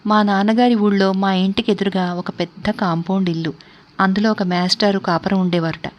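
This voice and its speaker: A bold young woman with a teasing, assured way of talking, spinning a ghost tale for her friends in a spoken storybook, as a woman narrator puts her on. She talks in an everyday voice at a middle pitch. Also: fairly even intonation, a little fast, dull audio, natural voice.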